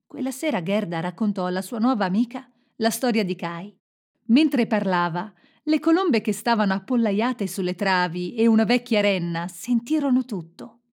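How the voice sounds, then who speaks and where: A woman narrating a fairy tale in a gentle, expressive storytelling manner. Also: mid-range voice, moderate pace.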